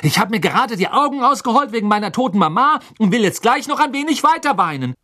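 A man's voice: very high voice, sing-song, fast, sharp tone, no echo, clean studio sound, voice pushed up, heavily acted. A man voicing an embarrassed teenage wizard boy in an audiobook. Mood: bitter. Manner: bursting out, then mumbling.

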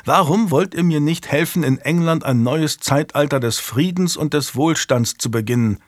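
A man's voice: a little high, moderate pace, no room sound, studio quality, voice pushed up, natural voice. Man voicing an earnest commanding young king. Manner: earnest, pressing questions.

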